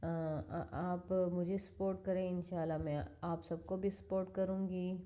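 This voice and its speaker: Woman, 30s, family vlogger voice-over, low and flat delivery, dark mellow timbre. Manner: soft, steady, conversational storytelling. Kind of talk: casual voice-over narration of home video.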